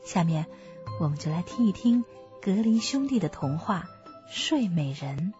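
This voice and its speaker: A woman reading a fairy tale aloud to children, as a gentle storyteller. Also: fairly low pitch, big pitch swings, unhurried. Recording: muffled, dry, soft music behind.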